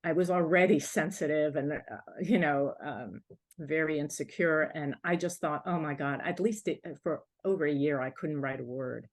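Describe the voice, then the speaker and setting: A woman author from Morocco, whose first language is French, telling her story on a panel in a reflective, halting way. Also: low voice. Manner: reflective, halting, with light laughs.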